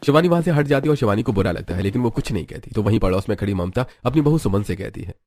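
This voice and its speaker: A man's voice: fairly low pitch, lively intonation, rapid-fire, darkish tone. A man narrating a cartoon story in a plain, scripted storytelling style.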